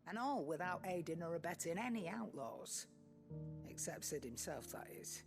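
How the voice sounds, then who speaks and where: Gruff old shopkeeper nan, blunt and shrewd, video game, some music under. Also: female voice, lowish voice, expressive, normal speed. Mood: wry confession. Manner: blunt, folksy, no-nonsense. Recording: music behind the voice.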